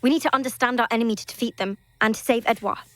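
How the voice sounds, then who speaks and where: An actress playing an earnest, stubborn teenage girl with an urgent manner in an animated series. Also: on the high side, racing, faint music behind, close to an everyday voice. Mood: determined.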